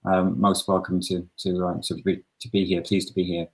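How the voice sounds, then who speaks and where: A man from Newcastle upon Tyne with a faint Geordie accent, a local councillor talking over a video call, halting with many fillers and restarts. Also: low-pitched, monotone, low-quality recording. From Newcastle upon Tyne, England.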